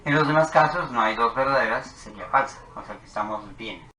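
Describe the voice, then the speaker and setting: A man explains propositional logic step by step, calmly reading out truth values as he writes them. His voice is bright and forward. The recording rings with room echo over a faint background hiss. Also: medium pitch, brisk. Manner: methodical, talks while writing tables. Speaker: math teacher. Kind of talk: whiteboard logic lesson. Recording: echoey room with faint noise.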